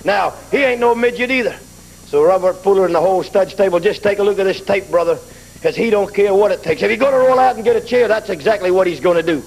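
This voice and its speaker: A man's voice: high voice, fast talker, gravelly, poor audio. A man cutting a brash wrestling promo on TV, trash-talking his rivals and tossing in "brother" again and again. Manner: brash trash talk, keeps saying "brother".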